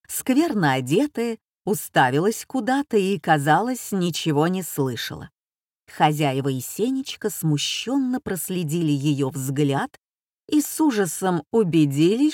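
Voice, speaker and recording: A woman reading a humorous story aloud in a measured, ironic way. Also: on the low side, a little mellow, no room sound, clean studio sound. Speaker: narrator. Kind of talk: audiobook narration.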